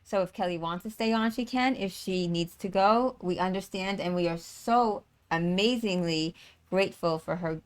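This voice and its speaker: A woman with a New York accent hosting a pool stream, speaking haltingly with many restarts over a video call. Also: lowish voice. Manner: halting, hesitant, full of restarts. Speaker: tournament host. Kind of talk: casual live commentary.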